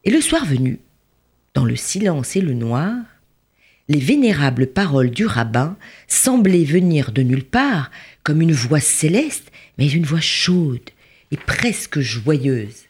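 Husky, lively storyteller. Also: mid-range voice, slow pace. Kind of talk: storybook narration.

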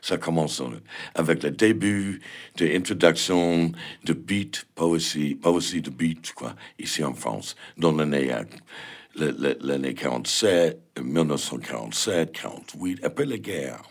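A man speaking French with an English-speaking accent as a non-native speaker, answering interview questions haltingly and searching for words. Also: a bass voice, lively intonation.

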